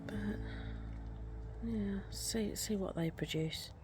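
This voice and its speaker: A woman giving a casual, chatty gardening vlog, showing things off in an unhurried, informal way. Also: medium pitch, music in the background. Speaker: gardening vlogger.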